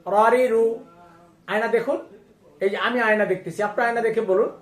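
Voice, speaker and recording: A woman teaching Quran reading through a slow syllable-by-syllable spelling drill. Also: mid-range voice. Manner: slow, drawn-out, instructive recitation. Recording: echoey room.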